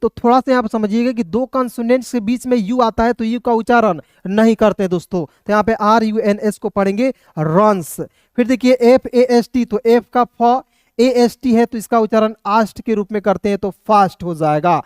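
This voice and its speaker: Clear-voiced man teaching English reading. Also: high-pitched, moderate pace, darkish tone, dry recording, clean studio sound. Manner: spells words letter by letter, often calls listeners friends. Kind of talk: online English reading lesson.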